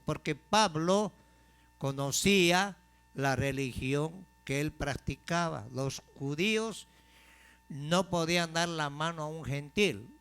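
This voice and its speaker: A man preaches to his congregation in a fairly high voice. He pauses on questions for them to answer and slows down to stress the key words. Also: a bit bright, smooth. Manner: call-and-response questions to the congregation; emphatic preaching, slowing for key phrases. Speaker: pastor. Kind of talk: sermon.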